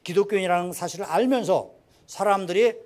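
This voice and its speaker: A male pastor preaching a sermon, acting out the quoted dialogue and swinging between loud exclamations and near-whispers. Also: sits high, fairly quick. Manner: dramatic, acts out quoted dialogue with big swings in volume. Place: church sanctuary.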